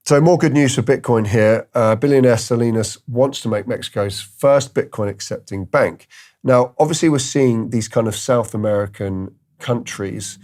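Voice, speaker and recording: A man's voice: on the low side, mellow. A man hosting a crypto video, giving casual commentary and thinking aloud with fillers and restarts. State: tired, yawning.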